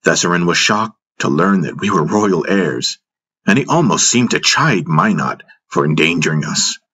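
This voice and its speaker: Low, husky male audiobook narrator. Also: pushed and bright. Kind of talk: first-person audiobook narration.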